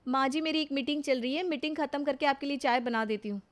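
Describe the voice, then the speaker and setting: In a Hindi animated family story, a woman voices a young city daughter-in-law with a fairly high, lightly acted voice. She talks fast, sounding dutiful and earnest, polite yet plaintive and put-upon.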